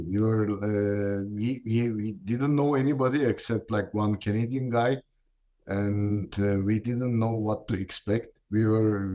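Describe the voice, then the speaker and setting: A man's voice: on the low side, darkish tone. Hesitant middle-aged man from Turkey. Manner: hesitant, many pauses and fillers. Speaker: immigrant parent and entrepreneur. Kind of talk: documentary interview.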